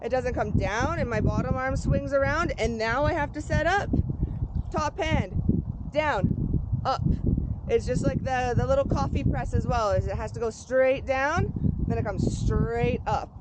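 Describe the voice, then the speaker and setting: A woman coaching paddlers in an informal, encouraging way, giving careful, unhurried step-by-step instructions outdoors. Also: high voice. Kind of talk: hands-on sports instruction. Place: outdoors on a boat. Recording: very noisy outdoor recording.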